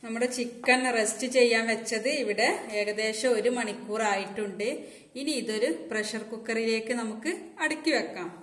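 A woman's voice: on the high side, moderate pace, a bit bright. Woman hosting a home cooking tutorial. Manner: friendly step-by-step instructions. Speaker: cooking channel host. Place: home kitchen. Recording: echoey kitchen with faint noise.

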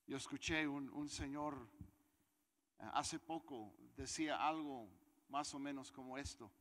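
A man's voice: medium pitch, unhurried, fairly bright tone, in a large hall. A man preaching a sermon, talking conversationally and putting questions to his congregation. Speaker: pastor.

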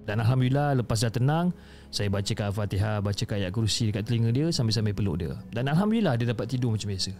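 A man's voice: on the low side, expressive, quick pace, darkish tone, soft background music. A man with a Malaysian accent reading a listener's horror story in a chatty, conversational way, often addressing the listener by name.

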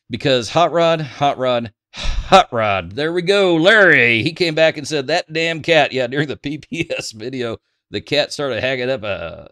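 A man's voice: medium pitch, fairly bright tone. A man hosting a gun channel vlog, reading viewer comments aloud in a joking, crude, self-mocking way.

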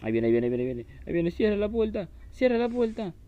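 A man's voice: high voice, very animated, rapid-fire, smooth, phone-quality sound. A man commenting on a horror game he is playing, taunting the enemy and shrieking when startled. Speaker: gaming YouTuber.

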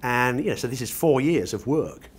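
Being interviewed off the cuff, this British man in middle age describes his loudspeaker designs with eloquent, elaborate wording. He sounds husky and animated, mid-range in pitch at a normal speed, amid the clamor of a big exhibition hall with a glass roof.

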